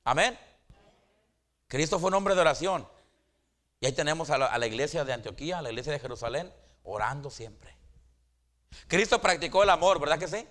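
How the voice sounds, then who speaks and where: A middle-aged pastor preaching a sermon in a somewhat high voice. He stumbles into repeated restarts and keeps addressing his listeners as brothers. His delivery swings from raised, emphatic peaks to quiet, low asides. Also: expressive, brisk, long pauses. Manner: stammering restarts, calls the congregation brothers, pitch swings high and drops low.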